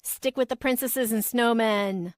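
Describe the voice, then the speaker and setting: A woman's voice: on the high side, unhurried, dry recording, studio quality, close to an everyday voice. A woman reading the part of an earnest, hopeful billionaire father in an audiobook. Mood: excited. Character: eager single-father billionaire man.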